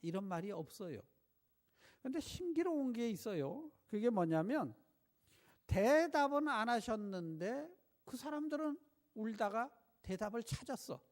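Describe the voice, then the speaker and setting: High-voiced gravelly male pastor preaching. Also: measured pace. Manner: animated preaching, many rhetorical questions to the congregation. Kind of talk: sermon.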